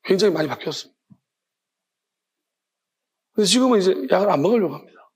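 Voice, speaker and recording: A man's voice: sits high, animated, fast, slightly rough. A man preaching an informal evening sermon as a pastor, telling rambling personal stories. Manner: conversational, rambling, self-correcting. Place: church sanctuary.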